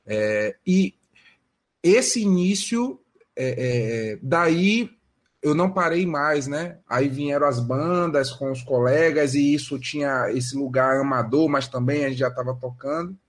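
A man as a guest on a podcast. He tells his story in an easygoing, meandering way, leaning on fillers and little tag questions. His voice sits in an ordinary middle pitch for a man. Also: slow. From Salvador, Bahia, Brazil. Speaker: guest, musician and music educator. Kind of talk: casual podcast interview answer.

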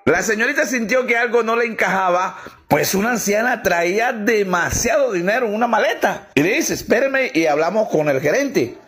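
Joke teller, male, high voice, acts out every character. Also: lively intonation, normal speed, fairly bright tone. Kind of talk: telling jokes.

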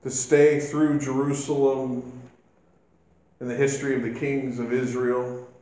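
A male minister preaches at an unhurried, measured pace. His voice rings through a very echoey church sanctuary, and it lifts with emphasis when he quotes scripture. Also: medium pitch, flat delivery, mellow. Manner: slow, deliberate preaching with emphatic rises when quoting scripture. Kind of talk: sermon.

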